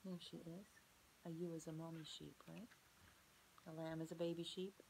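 A woman preschool teacher gently reading a picture book aloud to children and asking them questions about the pages. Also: low voice, flat delivery, normal speed, creaky, slight background noise, rough recording.

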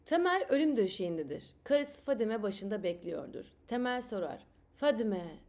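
A woman with a middle-pitched voice hosts a live stream. She chats casually and tells jokes with lively, animated delivery. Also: a little slow. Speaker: streamer host. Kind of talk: live stream chat and joke telling.

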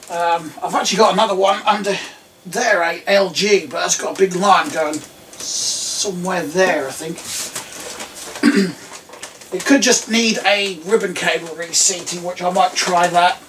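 Showing computer components in a small home room, this tech vlogger from England rambles casually and says um often. He's in his thirties, with a croaky voice that sits high. A camera mic picks him up from a distance, leaving his voice slightly off-mic over faint room noise.

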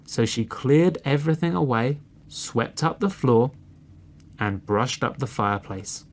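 A man reading a children's fairy tale aloud, slow and expressive. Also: medium pitch. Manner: slow and expressive, clearly read for learners. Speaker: storyteller. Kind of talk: storybook reading.

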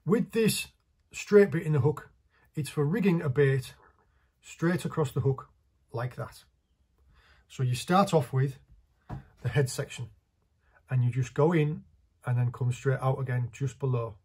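A man's voice: mid-range voice, a little slow, long pauses, darkish tone, slightly rough. A man, casually talking through a hands-on fishing tutorial while he works, in a small indoor workshop. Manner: chatty, practical, talks while working with his hands.

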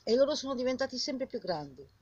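An old woman speaks in a rough, husky voice with very animated pitch. She scolds the listener in an informal, indignant monologue, piling up questions and repeating herself. The sound is slightly dull and lo-fi. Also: quick pace, dry recording. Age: older. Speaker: vlogger. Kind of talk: impassioned informal monologue addressed to the viewer.

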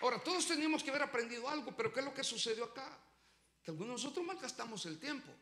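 High, bright-voiced preaching man. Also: expressive, racing, a little hiss or hum. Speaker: pastor. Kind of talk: sermon. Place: church sanctuary. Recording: echoey church room.

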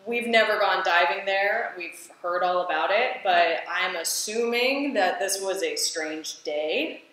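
A woman's voice: lowish voice, unhurried, fairly bright tone. A woman, a scuba diving instructor, chatting animatedly as she reacts to and explains dive footage. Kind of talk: casual reaction commentary. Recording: very echoey room, faint ambience.

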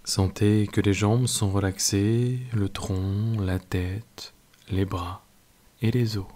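French male meditation guide, deep and soft-spoken, slow calm delivery. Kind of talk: guided yoga nidra meditation.

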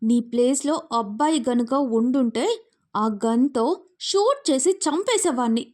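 A woman voicing a short-tempered young man who speaks sternly and gravely, with little patience. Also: high-pitched, animated, measured pace, darkish tone.

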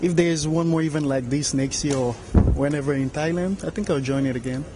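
A young Cameroonian man, a university student, gives casual interview answers fluently, sprinkling in lots of "you know." His voice runs on the high side and fairly quick. He speaks into a handheld mic held by the interviewer in a large bright room at a game jam, with background noise audible.

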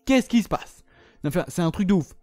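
A man's voice: sits high, expressive, brisk, dark tone, dry recording, soft background music. Exasperated, sarcastic man gaming. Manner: exasperated, sarcastic, swears a lot. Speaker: gaming channel host. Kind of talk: casual gameplay commentary.

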